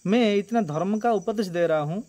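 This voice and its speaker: Man playing old grandsire, devotional story, grave, paternal, measured, lower and softer. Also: close to an everyday voice. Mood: questioning. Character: aged grandsire, old male sage, remorseful.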